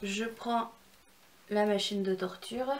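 A woman's voice: medium pitch, fairly even intonation, takes it slowly, a little hiss or hum. A young woman walking viewers through a makeup tutorial in a chatty, instructive way, with self-deprecating asides. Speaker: beauty vlogger.

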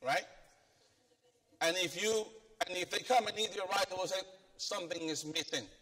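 A middle-aged Filipino man delivers a lively sermon at a moderate pace, pacing the stage and quizzing the congregation in a voice that is high for a man. The long reverb of a church sanctuary rings around him, captured by a stand mic he keeps drifting away from.

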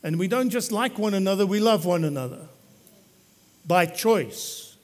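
A man's voice: high-pitched, lively intonation, measured pace, darkish tone. A man preaching a sermon as pastor, talking to the congregation in a conversational, joking way. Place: church.

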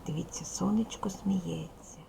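A woman teacher leads a video lesson for small children, asking simple questions and praising their answers patiently. Her voice has a strong gravelly fry, and a faint hiss of room noise sits behind it. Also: fairly low pitch, measured pace. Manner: reads a poem aloud expressively. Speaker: primary school teacher.

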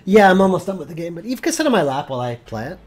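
A man's voice: high-pitched, very animated, very fast, darkish tone. A middle-aged man giving casual livestream commentary as a game developer, on a desk mic indoors. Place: small indoor home office. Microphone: desk microphone, seen. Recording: game music and dialogue behind.

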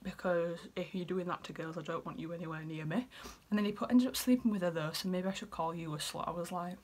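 A woman's voice: lowish voice, quick pace, darkish tone. A young woman in her twenties with a Yorkshire accent, chatting casually as she reads out messages and often drops into a whisper. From Yorkshire, England. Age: 20s. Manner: chatty, giggly, dips into whispers. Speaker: vlogger. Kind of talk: casual chat reading out messages.

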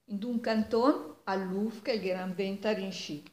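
An echoey home recording of an elderly woman with a Milanese accent telling a folk tale. Her pitch sits in the middle for a woman, and she tells the story in an animated way, as an oral storyteller. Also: a little slow. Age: 70s. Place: living room at home, indoors. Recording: echoey room, distant microphone.

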